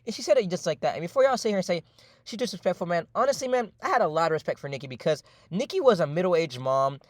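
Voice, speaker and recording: A young man tells a personal story in casual voice-over, rambling and full of slang, profanity and fillers. He talks fast in a slightly high voice. The sound is dry and close. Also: animated, no echo.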